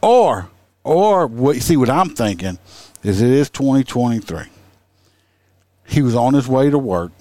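A man's voice: mid-range voice, animated, normal speed, long pauses, dark tone, no room sound. A man hosting a podcast, chatting casually and joking, laughing often and acting out quotes. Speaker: podcast host. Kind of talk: casual comedic chat.

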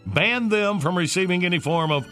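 A man's voice: high-pitched, moderate pace, fairly bright tone, soft background music. A man hosting a morning radio show with upbeat banter, talking to callers in a folksy, familiar way.

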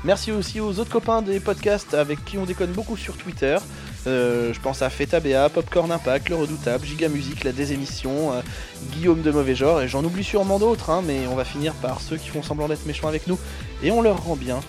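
A man's voice: a little high, brisk, music in the background. A man hosting a podcast, talking casually and thanking listeners with loose fillers. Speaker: podcast host. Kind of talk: casual podcast audio fiction and outro.

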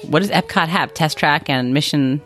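A woman's voice: low-pitched, moderate pace, a bit bright, faint music behind. A woman co-hosting a casual podcast, chatting easily while taking guesses. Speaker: podcast co-host. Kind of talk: casual chat.

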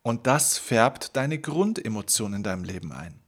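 In a motivational self-help monologue, a podcast host addresses the listener directly and earnestly, the way a coach would. His voice is fairly low and sing-song, moving at a normal speed.

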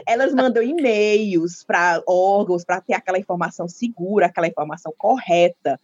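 A woman's voice: lowish voice, brisk, a little mellow, husky, no echo, lo-fi sound. A woman with a Ceará accent hosting a podcast, talking in a chatty, enthusiastic way. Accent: Ceará, Brazil. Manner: chatty, enthusiastic, quotes her mother. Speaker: podcast host. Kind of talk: casual chat.

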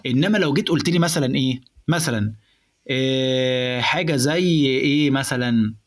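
A young man with an Egyptian Arabic accent explains in casual chat how to build a stand-up joke, speaking briskly at medium pitch. He's animated and sprinkles English words into his speech.

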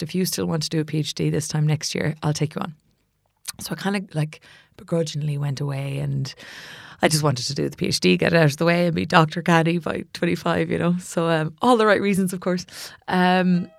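A musician and songwriting teacher with a low, gravelly voice and a West of Ireland accent tells a personal story. She's casual and animated, acting out what people said.

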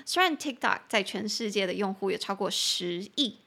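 A young woman hosting a podcast lesson, explaining English phrases in chatty Mandarin and spelling words out slowly. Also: medium pitch, lively intonation, sharp tone. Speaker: English teacher and podcast host. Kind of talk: bilingual language lesson.

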